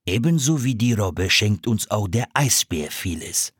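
A man voicing a kindly, calm seal hunter in a storybook reading, explaining slowly and patiently. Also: lowish voice, slightly rough, dry recording, studio quality. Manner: slow, measured, patient explaining.

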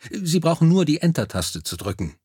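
An eager, excitable young Norwegian man, as a male audiobook narrator puts him on, pitched noticeably higher than the narrator's own voice and pushed a little louder. The delivery is quick and keyed up. The recording is dry, close and free of room sound. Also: slightly rough, no echo, exaggerated voice. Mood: excited.

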